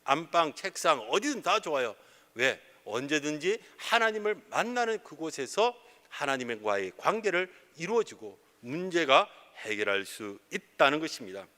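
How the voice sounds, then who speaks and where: Lively middle-aged pastor preaching in a hall. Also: male voice, a little high, moderate pace. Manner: asks rhetorical questions and answers them himself. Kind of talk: sermon. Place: church sanctuary. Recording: reverberant church hall.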